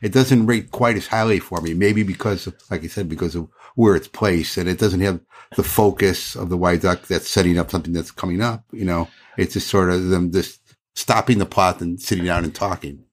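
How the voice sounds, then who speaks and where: A man's voice: deep voice, fairly even intonation, fairly quick. A man hosting a podcast, chatty and opinionated as he discusses old film comedy scenes. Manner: chatty and opinionated, frequent laughs. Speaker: podcast host.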